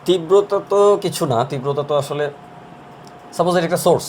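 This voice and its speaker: A man's voice: a little high, fairly quick, darkish tone, a little hiss or hum. A man teaching, explaining step by step at a board in a casual lesson.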